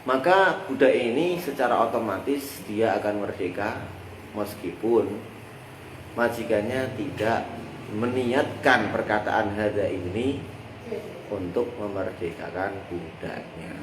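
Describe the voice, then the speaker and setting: A slow-paced, lowish voice belongs to a Javanese-accented teacher leading a lesson on a classical Islamic text. He explains using everyday situations and encourages listeners to finish what he starts saying. Faint background noise and echo come through.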